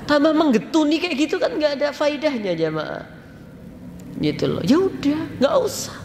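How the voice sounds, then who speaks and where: A man with a Javanese accent preaching to a congregation in a lively, chatty storytelling style, mixing in local slang and speaking to the listeners directly. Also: extremely high pitch, moderate pace. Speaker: Islamic preacher. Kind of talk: casual storytelling sermon. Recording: long hall reverb, faint noise.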